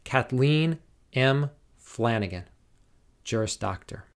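A man formally reading out graduates' names and degrees at a commencement, in a slow, measured, deliberate way. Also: medium pitch, expressive. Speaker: commencement name reader.

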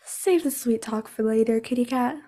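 A woman's voice: a little high, moderate pace, mellow. A woman voicing a teenage girl heroine who stammers shyly and then teases. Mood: teasing. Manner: hesitant, then teasing. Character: teenage girl superheroine, shy but quick-witted.

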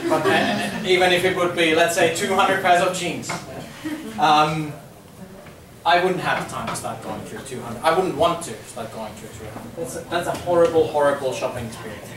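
His voice a little high and his pace moderate, a Finnish-accented man in his thirties from Finland gives a chatty business presentation in a conference room, repeating words and saying um a lot. A crowd is audible behind him, and the recording, from a far camera with no mic, is echoey with a faint hum.

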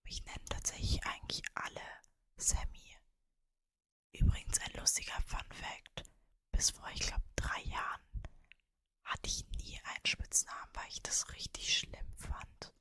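A woman's voice: measured pace, fairly bright tone. A woman in her early twenties with a Mannheim German accent, whispering casually in an ASMR style, very close to the microphone. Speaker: ASMR creator and streamer. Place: cosy bedroom, indoors. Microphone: desktop microphone, very close.

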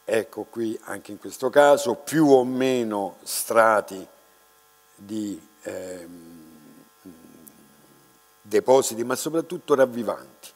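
An older art restorer with a lowish voice stands at a lectern in a large, dark lecture hall, giving a slow, unscripted talk to an audience. Reflective and unhurried, he pauses often and restarts his words, picked up by a lectern microphone amid reverb and mains hum.

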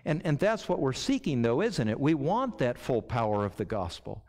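A man's voice: medium pitch, sing-song, normal speed, a little mellow. A middle-aged man preaching a sermon as pastor, earnest and restarting words as he builds each thought. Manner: earnest, repeats words when starting a thought. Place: church sanctuary. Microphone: lectern microphone. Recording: church hall reverb.

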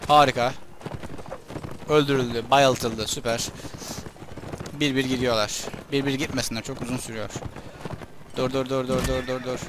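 A young man giving live commentary on his own gameplay, excitable, shouting at his troops and enemies and muttering when things go badly. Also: mid-range voice, normal speed, pauses often, noisy background.

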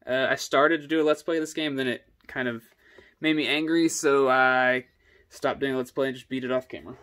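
A young man casually running through his video game collection, giving quick offhand comments on each title. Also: medium pitch, fairly even intonation, fairly bright tone. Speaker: gaming YouTuber.

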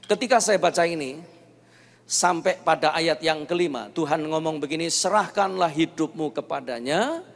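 A male pastor, preaching a sermon, telling stories with acted quotes and swinging from loud outbursts to hushed tones. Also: on the high side, fairly even intonation, normal speed. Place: large church hall. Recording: livestreamed sermon in a reverberant church hall.

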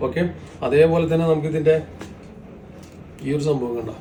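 At a normal speed, a male shop presenter with a Kerala accent runs through a repetitive sales pitch for women's outfits, mixing English heavily into Malayalam and using tag words often. The mic sits far off in a roomy space, picking up faint background noise.

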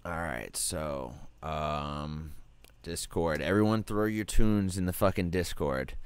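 A man hosting a casual online music stream, laid-back, cursing freely and filling pauses with "um" and "like". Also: low-pitched, smooth, no room sound. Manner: laid-back, swears casually, lots of fillers. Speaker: stream host reviewing music submissions. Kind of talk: casual chat.

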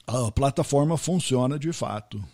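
An American man, a podcast host, speaking Portuguese in a friendly business interview and slowly spelling out names and web addresses. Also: medium pitch, dark tone. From United States.

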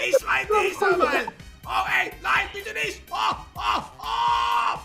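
A man voicing a cheeky male banana puppet that shouts, laughs and teases strangers in a prank video chat. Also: extremely high pitch, sing-song, slow, gravelly, music in the background, a crowd in the background, pitched above the performer's own voice, heavily acted. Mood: rowdy teasing.

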